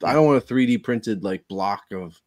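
A man's voice: fairly low pitch, normal speed, dry recording. A man hosting a casual online hobby show, chatting with enthusiasm and frequent restarts. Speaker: podcast host. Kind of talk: casual chat.

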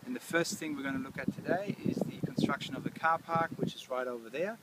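A man in his thirties with an Australian accent, a council project manager giving a relaxed walkthrough outdoors with many ums and restarts. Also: medium pitch, fast talker, heavy background noise. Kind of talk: casual on-site walkthrough. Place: outdoors at a construction site. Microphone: lapel mic.

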